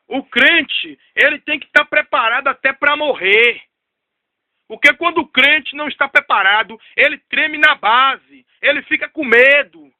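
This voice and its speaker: High bright-voiced male preacher. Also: no room sound. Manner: repetitive storytelling preaching, dropping low for emphasis. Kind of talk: sermon.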